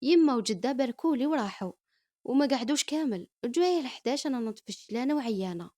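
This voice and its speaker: Fast-talking Algerian storyteller woman. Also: sits high, animated, a little mellow. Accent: Algerian Arabic. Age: young adult. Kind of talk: first-person story narration.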